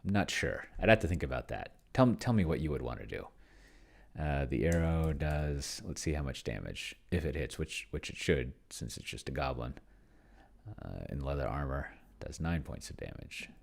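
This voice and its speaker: Keyboard typing runs in the background as this man, a solo tabletop roleplayer who hosts videos, muses aloud about his roleplaying game. His extremely low voice is expressive with vocal fry at a moderate pace, and he mutters, lets sentences trail off, and stretches words out while typing.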